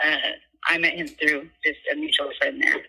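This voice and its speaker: A woman's voice: sits low, little pitch movement, normal speed, creaky, pushed and bright, breathy edge. A woman being interviewed over the phone, answering hesitantly with many uhs. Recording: tinny phone line.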